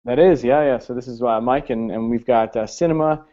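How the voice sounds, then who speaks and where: A man with a medium-pitched, warm voice speaks briskly while hosting a live online panel discussion. He talks loosely, using frequent fillers. He's on a video call, and the audio is slightly muffled.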